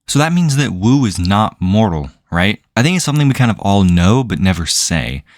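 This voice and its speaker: A man's voice: lowish voice, big pitch swings, moderate pace, no echo. A man giving sarcastic video commentary as a reviewer, with a dry, incredulous way of asking questions.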